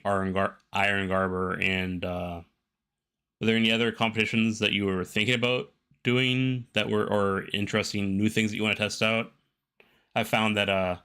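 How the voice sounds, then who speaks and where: A man hosts a relaxed, informal interview, thinking aloud in halting phrases. His voice sits fairly low but has a bright, forward edge. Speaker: interviewer, host. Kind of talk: casual conversational interview.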